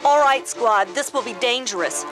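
An actress playing a brave, commanding yet kind young rebel princess in a children's read-along record drama. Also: female voice, on the high side, normal speed, lightly acted. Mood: urgent, commanding. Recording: loud music behind the voice.

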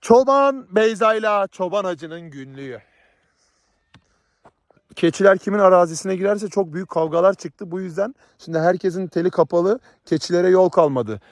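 Playful male village vlogger from Southeast Turkey, slightly high voice, dry close sound. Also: normal speed, dry recording. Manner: playful, teasing, chatty. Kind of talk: casual vlog chat. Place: outdoors in a rural village with livestock.

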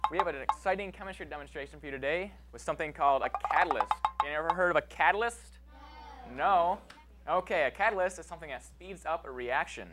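A man's voice: on the high side, heavy background noise. A young man introducing a chemistry demonstration to schoolchildren, upbeat and asking them simple questions. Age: young adult. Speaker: science demonstrator. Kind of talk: introducing a demo to children. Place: TV studio stage with a child audience.

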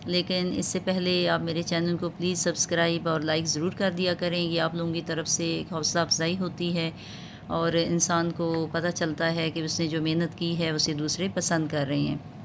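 A woman hosting a home cooking tutorial, explaining each step calmly with frequent pauses and filler sounds. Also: fairly low pitch, noisy background. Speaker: cooking channel host.

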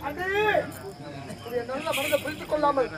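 A man playing a very high-pitched wronged young brother. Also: steady tone, normal speed, fairly bright tone. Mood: pleading. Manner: declamatory, high-strung delivery. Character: young wronged brother-in-law, pleading and emotional. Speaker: street theatre actor. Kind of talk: Tamil folk stage acting. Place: outdoor village stage.

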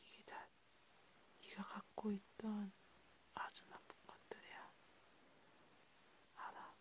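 A woman voicing a menacing grim reaper in a whispered role-play, scolding and threatening, slowly. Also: mid-range voice, monotone, natural voice. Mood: cold, reproachful. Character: menacing female grim reaper punishing a sinner's soul.

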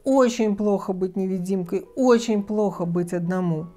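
A woman's voice: mid-range voice, sing-song, normal speed, mellow, faint music behind. Woman playing an eager young schoolboy. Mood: pleading. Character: young schoolboy, mischievous then desperate.

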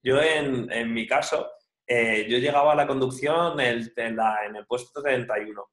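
Calm, measured man in a roomy space. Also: medium pitch. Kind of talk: casual chat. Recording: roomy echo.

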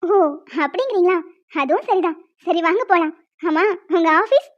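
A woman voicing a young pregnant mother in a cartoon who scolds her daughter gently and teases. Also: very high voice, animated, normal speed, lo-fi sound. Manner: teasing, scolding. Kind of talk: cartoon voice acting.

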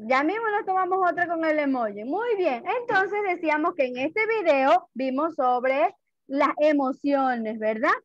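Slow sing-song teacher, high-voiced woman. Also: lively intonation, dry recording. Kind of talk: online class for young children. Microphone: video call. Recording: dull lo-fi video call audio.

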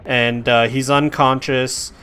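A man runs a tabletop game as game master. He narrates the action and calls for dice rolls in a loose, animated way. His voice sits at an ordinary middle pitch. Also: smooth. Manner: casual, animated narration with quick rules calls.

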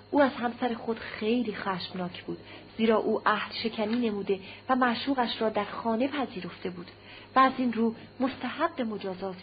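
A woman narrating a classic novel as an audiobook, in a steady, measured reading, on a slightly muffled recording with a faint hum. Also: on the high side.

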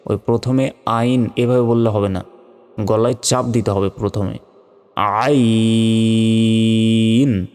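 Low-pitched guy teaching arabic letters real slow, stretches each sound, echoey hall. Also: darkish tone. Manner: drawls letter names, repeats each sound. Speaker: Quran teacher. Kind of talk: slow step-by-step recitation lesson. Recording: long hall reverb with faint music.

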